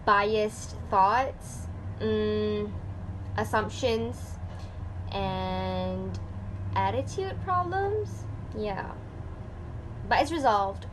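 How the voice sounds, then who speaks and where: A woman in her twenties, a student guest, speaking calmly. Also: mid-range voice, extremely slow, pauses often. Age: 20s. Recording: noisy background.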